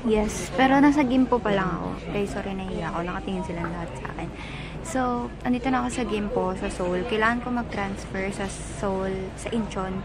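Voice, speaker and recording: A young woman with a Filipino accent and a husky voice, chatting excitedly to her phone camera as she travels through airports. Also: medium pitch, fairly quick, a crowd in the background. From Philippines. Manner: chatty, excitable, mixes English into Tagalog. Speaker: travel vlogger. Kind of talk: casual travel vlog. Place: airports, in and out of doors. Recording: loud airport and traffic noise.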